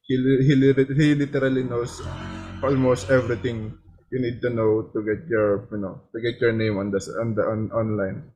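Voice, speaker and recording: A man who is not a native English speaker, talking haltingly on a video call. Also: medium pitch, flat delivery, a little mellow, lo-fi sound, soft background music. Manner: halting, with many fillers and restarts. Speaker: meeting member. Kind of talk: casual video-call chat.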